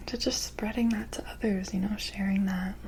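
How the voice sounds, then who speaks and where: A woman in a whispered role-play as an ASMR energy healer, with an airy, breathy whisper and a gentle, soothing, mystical manner. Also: medium pitch, fairly even intonation, moderate pace, slight background noise, poor audio.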